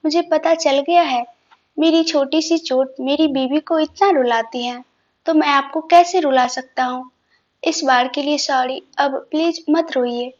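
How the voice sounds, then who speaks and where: A woman voicing a loving young husband who reassures his wife softly in a storybook reading; dull lo-fi sound. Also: high voice, unhurried. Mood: tender reassuring. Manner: soft, reassuring, mixing English words.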